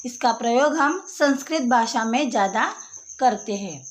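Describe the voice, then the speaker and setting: A woman's voice: a little high, lively intonation, moderate pace. A woman teacher giving a patient lesson for young children, explaining and repeating each word and sound. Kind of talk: slow classroom lesson explaining a textbook page.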